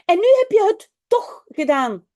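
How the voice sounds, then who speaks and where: A stern but loving storybook father scolds a small boy, piling up emphatic repeats, as a woman reads him aloud. The voice sits high and swings widely in pitch. The delivery is slow and deliberate. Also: very animated, a little mellow, heavily acted. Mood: scolding.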